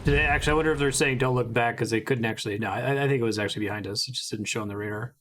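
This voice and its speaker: A man's voice: mid-range voice, very fast. A man giving casual let's-play commentary while gaming, thinking aloud and correcting himself. His s sounds hiss harshly through his noise-suppressed desktop mic. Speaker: gamer playing through a game. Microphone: desktop mic with software noise suppression. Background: loud game music.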